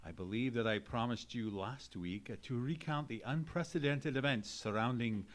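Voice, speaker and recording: A man's voice: mid-range voice, moderate pace, close to an everyday voice. A man playing a genteel, courteous doctor and loyal companion in an old-time radio mystery, speaking in formal Victorian phrases. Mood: measured storytelling. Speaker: narrator and actor in a live radio play. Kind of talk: old-time radio drama acting, storytelling. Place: live performance in a theatre.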